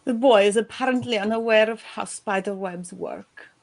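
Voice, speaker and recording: A man voicing a gentle, motherly female spider with a soft, silky voice and a heavy Russian accent. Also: high-pitched, moderate pace, creaky, voice pushed up. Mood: tender, affectionate.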